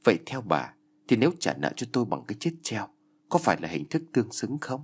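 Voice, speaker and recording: The ghost of a murdered young woman speaks with pain and hatred, as a man voices her. Her husky, low voice carries bitter accusation. She is the vengeful spirit of an audio ghost story. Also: big pitch swings, fast talker.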